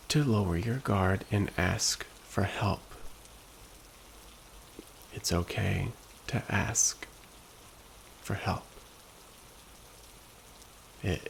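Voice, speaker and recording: Man, low pitch, slow pace, heavy vocal fry, hushed gentle ASMR pep talk. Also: slight background noise, poor audio. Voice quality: low, very creaky. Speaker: ASMR host.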